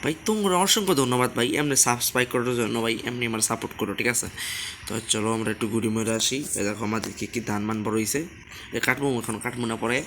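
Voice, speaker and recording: A man rattles through casual gameplay commentary at a quick clip. He keeps his voice deliberately soft and circles back again and again to asking viewers to subscribe. A faint hiss of noise sits under the recording. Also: mid-range voice. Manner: talks softly on purpose. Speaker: gaming channel host.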